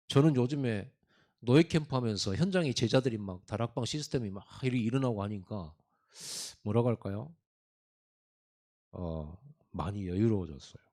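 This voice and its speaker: Animated middle-aged preaching man. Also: mid-range voice. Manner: animated preaching, laughing asides. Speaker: pastor. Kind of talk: sermon.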